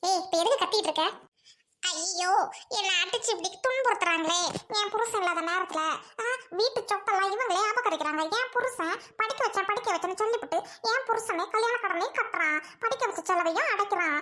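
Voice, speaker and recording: A woman doing a shrill scheming young bride. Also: pushed and bright. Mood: wailing. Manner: shrill, scolding, quick to wail. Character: sharp-tongued young bride, scheming and loud. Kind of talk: Tamil family skit acting.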